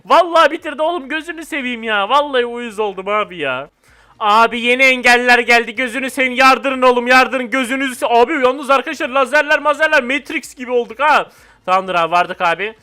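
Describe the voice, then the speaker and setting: Young man, gaming host, live game commentary, excitable, bright tense voice, hyped yelling and quiet muttering. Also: very high voice, a little fast. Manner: excitable, swings from hyped shouting to calm muttering.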